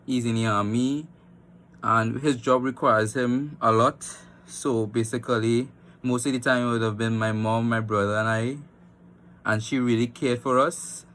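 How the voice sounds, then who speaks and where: A young man giving a testimonial into a phone at home. His voice sits at a middling pitch and he halts often, fighting back emotion. A light hiss runs underneath. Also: steady tone, a bit bright. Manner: halting, holding back tears. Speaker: young man telling a family story.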